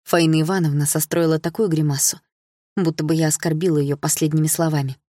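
A woman reading a first-person novel aloud in an even, measured way. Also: sits low, dry recording, clean studio sound. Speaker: audiobook narrator.

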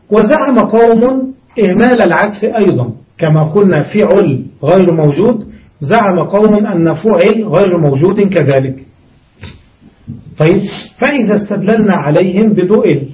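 Brief: male grammar teacher, high voice, reads the text and explains, checks in with students; muffled lo-fi recording. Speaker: sheikh teaching Arabic grammar. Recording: dull lo-fi lesson recording.

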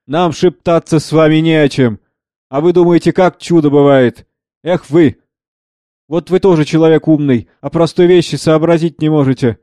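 A man's voice: a little high, fairly even intonation, moderate pace, warm tone, dry recording, studio quality, pitched above the performer's own voice, natural voice. A man reading a scornful old monk. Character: pious old monastery monk, sly and scornful.

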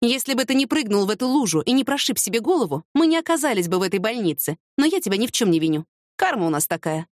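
A woman's voice: a little high, very animated, fast talker, no echo, clean studio sound, voice pushed up. A woman reading an audiobook, voicing a fiery, impulsive young woman with heated, emphatic retorts. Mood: insistent.

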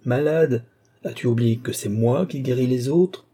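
A man voicing a furious ancient male alchemist, ranting in high, loud, shrill bursts. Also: normal speed, gravelly, husky.

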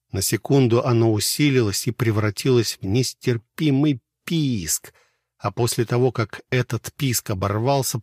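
A man narrating an audiobook in a measured, steady storytelling manner. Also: lowish voice, slightly rough, dry recording, clean studio sound.

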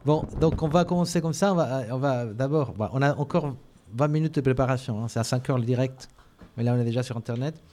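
A man organizing a radio workshop, coordinating the speakers steadily and gently but firmly. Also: medium pitch, fairly quick. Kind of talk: casual chat.

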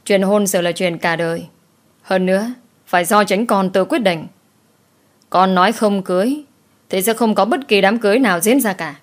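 A woman voicing a calm, defiant young man who speaks firmly without flinching. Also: mid-range voice, moderate pace, close to an everyday voice. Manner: calm, firm, unflustered.

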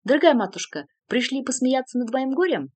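A woman's voice: lively intonation, moderate pace, dry recording, close to an everyday voice. A woman voicing a furious young count. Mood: furious shouting. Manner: shouting, raised and high. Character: hot-tempered young male count, furious.

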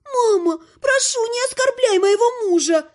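A woman voicing a young daughter in an audiobook, pleading in a high, tearful voice. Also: sing-song, moderate pace, dark tone. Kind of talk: audiobook character voice.

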